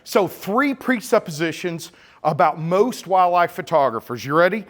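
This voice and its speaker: With a high, expressive, slightly bright voice at normal speed, a middle-aged man speaks in a slurry Texas-Oklahoma drawl. He's giving a live photography talk to a full audience in a camera store event room, chatty, jokey, teasing and sarcastic.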